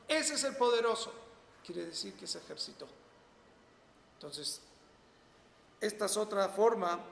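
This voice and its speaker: A man's voice: on the high side, creaky, fairly bright tone, reverberant, in a large hall, slight background noise. A man with a Rioplatense accent teaching a Torah lesson, asking rhetorical questions and then answering them emphatically. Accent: Rioplatense Spanish. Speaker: religious teacher. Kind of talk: Torah lesson to a small audience.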